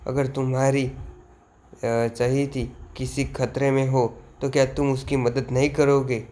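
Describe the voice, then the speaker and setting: A man's voice: mid-range voice, flat delivery, slow pace, dark tone, close to an everyday voice. A man reading the lines of a pleading young girl in a plain manga retelling, barely changing his own voice. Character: pleading young girl searching for her sister. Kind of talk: reading manga dialogue aloud.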